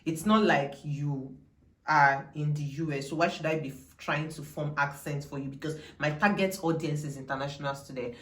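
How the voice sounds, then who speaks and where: A young woman vlogger with a Nigerian accent talks casually to camera at a moderate pace, her voice sitting low in a roomy-sounding space. She's chatty and emphatic, drifting into digressions and repeating her points for emphasis.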